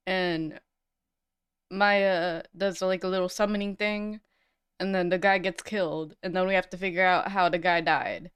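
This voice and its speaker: A woman's voice: fairly low pitch, fairly even intonation, measured pace, clean tone. A woman streaming a game, chatting and thinking aloud with frequent restarts, her voice groggy from a nap. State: groggy morning voice after a nap. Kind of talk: let's-play commentary, reading game dialogue aloud.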